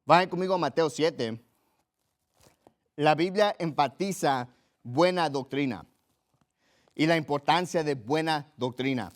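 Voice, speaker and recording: A man's voice: on the high side, measured pace, long pauses. A man preaching a sermon in an earnest, emphatic way, repeating his key phrases. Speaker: pastor.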